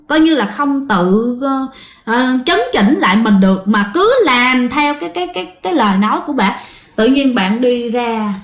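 Chatty woman telling ghost stories. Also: on the high side. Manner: chatty, addresses listeners directly, many fillers. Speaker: ghost story narrator. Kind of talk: casual spoken storytelling. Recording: echoey room.

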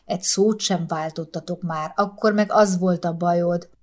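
A woman voicing a calm older husband who teases his wife dryly and tries to placate her. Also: on the low side, natural voice. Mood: teasing. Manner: mild, dryly teasing, placating. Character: calm, teasing older husband doing a crossword.

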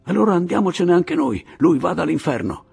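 Audiobook guy doing a jumpy rough fighter, loud, pitched up, impatient. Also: moderate pace, full character voice. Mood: agitated. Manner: excited, urgent, swearing. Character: agitated rough guerrilla man, impatient.

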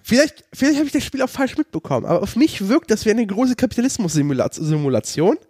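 A man's voice: high-pitched, sing-song, fast, darkish tone, breathy edge, no echo, studio quality. A man co-hosting a podcast, talking casually in a sarcastic, ranting way. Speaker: podcast co-host.

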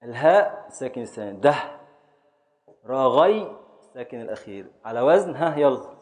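A man with an Egyptian Arabic accent teaches a classroom of students as a sheikh, speaking at an ordinary middle pitch. He drills them on poetic meter, drawing out syllables slowly and chanting them one by one. He calls on students by name and presses them for answers. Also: sing-song, a little mellow. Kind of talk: classroom lesson, quizzing students.

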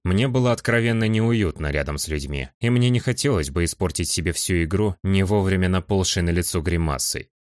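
A male audiobook narrator with a very deep voice, reading fantasy in a calm, measured first-person way. The sound is dry and close, with no room echo.

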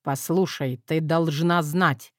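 A woman's voice: low-pitched, steady tone, slow, dry recording, studio quality, pitched below the performer's own voice. A woman voicing a burly, short-tempered husband who growls and speaks curtly. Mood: serious. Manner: growling, curt.

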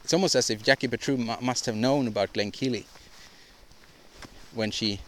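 A man's voice: mid-range voice, moderate pace, a little hiss or hum. Male podcast host, solo monologue; rambling, opinionated, frequent restarts and repeats. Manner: opinionated, ranting delivery.

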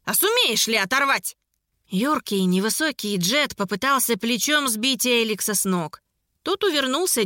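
A woman reads a fantasy novel aloud with brisk, expressive narration. Her voice is fairly high and very bright, with a dry, close sound. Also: no echo. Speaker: audiobook narrator.

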